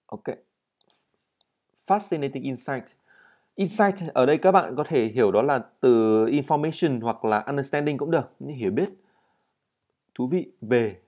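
In an English vocabulary and pronunciation lesson, a man pronounces words slowly and clearly, then explains them quickly. His voice is medium-pitched and expressive, with a darkish tone.

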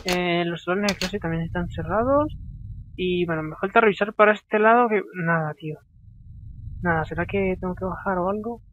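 A man commentating a video game as he plays, reading the dialogue aloud and swearing and talking to himself in an excitable, chatty way. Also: sits high, moderate pace, muffled recording, slight background noise. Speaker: gameplay commentator.

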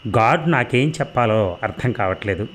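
A man's voice: medium pitch, lively intonation, normal speed, a bit bright, a little hiss or hum, close to an everyday voice. Man reading as a flustered apologetic actor.

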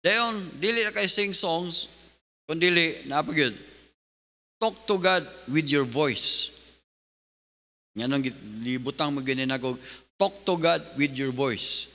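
A male pastor preaching an animated sermon, mixing in English. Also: fairly high pitch, slow pace, pauses often. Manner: animated preaching, switching between Bisaya and English. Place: church hall. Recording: long hall reverb.

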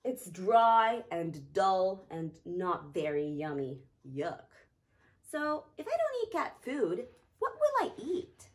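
A woman's voice: mid-range voice, huge pitch swings, slow pace, voice pushed down. A woman voicing a hungry, picky male cat in a storybook read-aloud, with fussy, whiny complaints.

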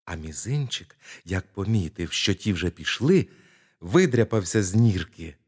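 A man narrating a bedtime fairy tale in a slow, expressive storytelling manner. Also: deep voice, husky.

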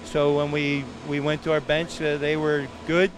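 An older man, a head coach, giving a halting postgame interview full of fillers in an arena. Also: fairly high pitch, little pitch movement. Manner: halting, many fillers and restarts. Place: indoor arena, empty seats behind. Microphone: handheld interviewer mic.

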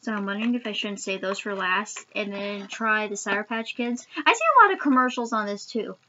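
A young adult vlogger talks a little fast with lively intonation as she eats sour candy on camera, her medium-pitched voice pushed and bright. The webcam at arm's length in a small indoor home room yields dull audio with a bit of hiss or hum.

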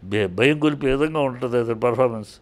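A man's voice: mid-range voice, fast. A man giving heated spoken commentary in an interview, scolding and indignant, firing off rhetorical questions and often restarting his sentences.

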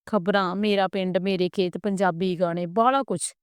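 A woman's voice: mid-range voice, fairly even intonation, moderate pace, clean tone, dry recording, clean studio sound, natural voice. Woman voicing a stingy grown son, brusque, short-tempered, storybook reading. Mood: boastful.

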